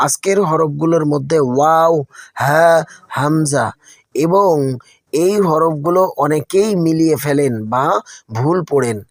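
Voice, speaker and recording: A man's voice: on the high side, no room sound. Patient man teaching in a dry voice. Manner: patient, repeats each instruction twice; addresses listeners warmly as friends. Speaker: Quran teacher. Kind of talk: recorded teaching lesson.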